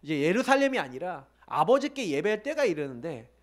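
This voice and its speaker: Animated male pastor preaching. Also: high-pitched, brisk. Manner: animated preaching with rhetorical questions to the congregation. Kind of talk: sermon. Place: church sanctuary.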